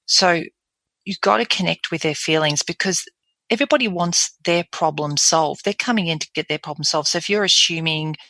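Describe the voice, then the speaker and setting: A woman's voice: fairly low pitch, a little fast, sharp tone, no echo. A woman talking as a voice coach guest in a podcast interview, earnest and explanatory, often demonstrating example voices.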